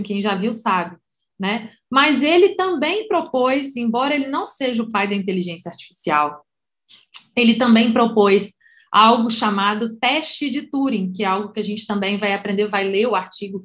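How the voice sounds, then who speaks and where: A woman's voice: on the high side, fairly bright tone. A woman explaining a topic on a live stream, talking loosely with many fillers and restarts. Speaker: course coordinator.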